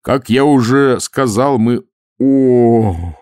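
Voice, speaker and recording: A man's voice: medium pitch, very slow, darkish tone, smooth, no room sound, clean studio sound, pitched above the performer's own voice. A man voicing an earnest, loyal young male watch captain.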